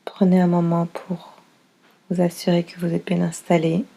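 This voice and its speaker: Guiding a yoga nidra relaxation as the instructor, a woman speaks in short, pause-filled phrases, calm and unhurried. Her warm voice sits on the low side with vocal fry and a completely flat delivery.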